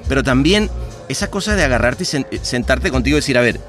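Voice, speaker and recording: A man's voice: mid-range voice, lively intonation, fast, a bit bright, faint music behind. A man with a Venezuelan accent, a podcast guest talking in a reflective, rambling way with many restarts. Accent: Venezuelan Spanish. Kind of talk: casual conversation.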